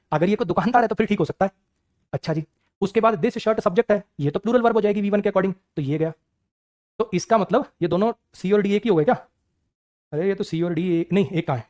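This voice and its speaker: Male grammar teacher, quick and high-pitched, scolding and questioning. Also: a little mellow. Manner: brisk, scolding rhetorical questions to students. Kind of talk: exam-prep grammar lecture.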